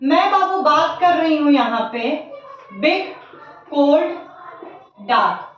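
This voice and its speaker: A woman teaches a grammar lesson in a very high, slow voice, repeating each word and asking her class what it becomes. The recording is very echoey and dull, as if she stands far from the mic in a bare room. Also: expressive, slight background noise. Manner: slow, repeats key words and asks the class questions; mixes Hindi with English terms. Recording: echoey, distant, dull lo-fi sound.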